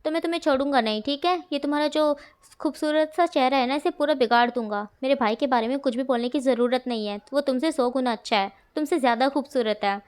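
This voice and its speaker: A woman's voice: sits high, fast talker, few pauses, a little mellow, clear, resonant tone, close to an everyday voice. A woman voicing a hot-tempered teenage boy who threatens anyone insulting his twin in a storybook reading. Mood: threatening.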